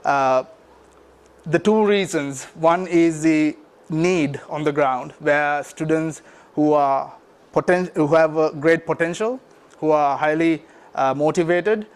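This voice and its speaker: A man in his thirties from Sri Lanka with a Sri Lankan English accent, giving a talk about his nonprofit with many pauses and restarts. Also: on the high side. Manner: halting, many fillers and restarts. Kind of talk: speech to an audience.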